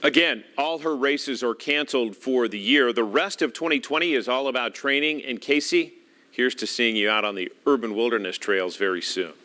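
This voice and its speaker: A man reading scripted local news as an anchor, polished and clearly projected. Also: mid-range voice, moderate pace, pushed and bright.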